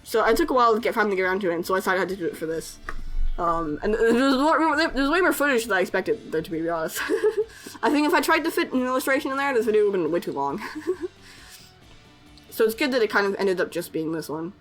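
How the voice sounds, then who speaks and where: A young YouTuber who does art and animation speaks fast in a mid-range, slightly bright voice with big swings in pitch, faint music in the background. Her casual voice-over during editing is halting, packed with fillers and self-conscious laughs.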